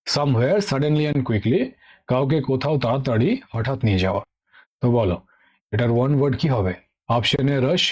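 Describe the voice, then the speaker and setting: A man's voice: medium pitch, breathy edge. Patient Bengali-accented male teacher. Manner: patient, repeats key words with frequent "ঠিক আছে?" checks. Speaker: English vocabulary teacher. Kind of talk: online exam-prep lesson.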